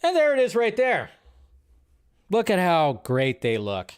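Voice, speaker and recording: A man hosts a relaxed live movie news show in a high, clean voice at an unhurried pace. His commentary rambles with animated energy and includes exasperated asides.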